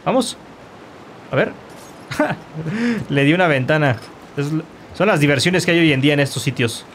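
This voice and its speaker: A man commentating his own gameplay, animated and quick to shout insults at enemies. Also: fairly high pitch, slight background noise. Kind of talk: let's play commentary.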